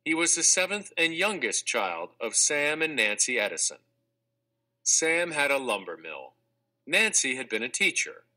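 A male audiobook narrator with a medium-pitched voice reads a children's textbook aloud, his scripted delivery clear, measured and expressive.

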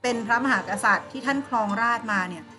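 A woman's voice: a little high, expressive, fast talker, music in the background. A woman teaching an online primary school class, patiently explaining and asking her pupils questions. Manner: patient, coaxing, asks pupils questions and answers them herself.

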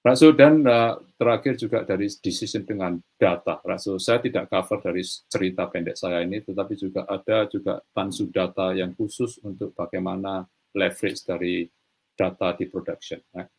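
A man's voice: deep voice, steady tone, normal speed, gravelly, darkish tone, husky. A middle-aged man giving a virtual conference keynote over a webcam from a small room, hesitant, with frequent "right, so" fillers. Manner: peppers talk with "right, so"; hesitant, many restarts and "eh". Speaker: keynote speaker. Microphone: video call webcam.

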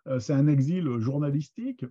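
A man giving an informal lecture on books and their authors, pausing often with fillers and restarts. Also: on the high side, animated, warm tone, slightly rough. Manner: hesitant, many fillers and restarts. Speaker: lecturer on Picard literature. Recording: dull lo-fi sound.

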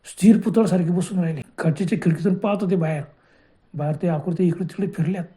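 A man's voice: sits high, fast talker, mellow. A man narrating a horror story in a dramatic way, often exclaiming in fright.

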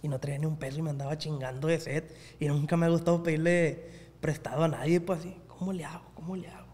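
A man tells slangy stories with energy as a podcast guest. His voice is somewhat high for a man. A long reverb hangs in the room around him. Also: fast talker. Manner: slangy, animated storyteller. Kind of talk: casual podcast chat.

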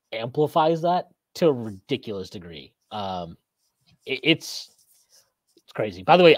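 Lively, rambling podcast host man. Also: medium pitch, no room sound. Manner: rambling, reads viewer comments, laughs often. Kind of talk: casual postgame chat. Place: small room indoors. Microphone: video call webcam.

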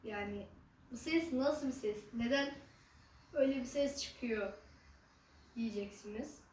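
A woman chatting casually to viewers as an eating vlogger, halting and unhurried, with some drawn-out words. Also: fairly high pitch. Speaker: mukbang ASMR vlogger. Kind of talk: casual chat to camera while eating. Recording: roomy echo, distant mic, faint noise.

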